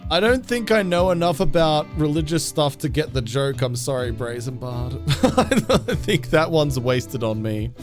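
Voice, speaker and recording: A man's voice: a little high, very animated, measured pace, faint music behind. A chatty man streaming a game live, talking to chat with a self-deprecating manner.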